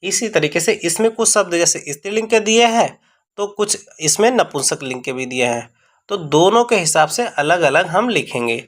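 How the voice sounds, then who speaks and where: A man teaching a grammar lesson, explaining step by step and slowly repeating words for pronunciation drills. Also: on the high side, expressive, a bit bright.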